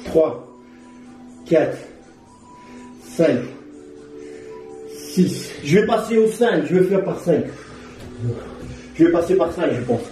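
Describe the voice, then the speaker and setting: A man's voice: high-pitched, lively intonation, normal speed, long pauses, mellow, recorded from a distance, soft background music. A man talking casually while doing push-ups in a workout challenge, with effort in the voice as the reps are counted. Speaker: fitness challenge host. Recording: echoey room.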